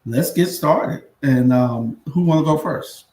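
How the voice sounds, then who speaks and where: A man's voice: medium pitch, unhurried, darkish tone. A man hosting a casual panel, moderating in informal, hesitant phrasing. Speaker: host and moderator. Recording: roomy echo.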